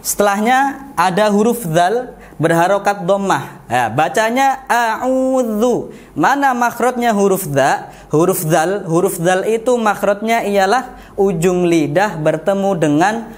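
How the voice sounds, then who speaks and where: A man with an Indonesian accent teaching Quran recitation step by step, drawing out example syllables and often correcting himself mid-sentence. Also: high-pitched. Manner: slow, deliberate, drawls out example syllables; frequent self-corrections with "eh". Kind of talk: patient step-by-step tajwid lesson.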